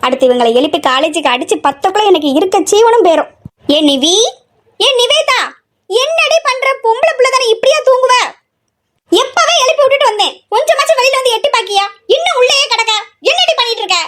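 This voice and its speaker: Woman as a nagging middle-aged mother, high-pitched, constant scolding; comedy skit. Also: animated, fast talker. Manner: scolding, complaining nonstop.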